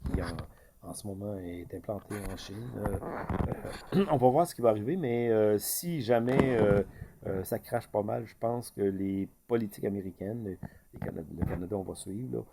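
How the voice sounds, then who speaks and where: Offering informal remarks on the market, a commentator from Quebec talks at normal speed in a voice on the low side, with a Québécois French accent and background noise around him. He stumbles through, using lots of fillers and restarting often.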